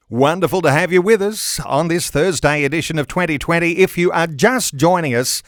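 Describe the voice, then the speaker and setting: A man with an Australian accent hosting a radio talkback interview in deliberate, polished broadcast phrasing. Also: fairly high pitch, dry recording, studio quality.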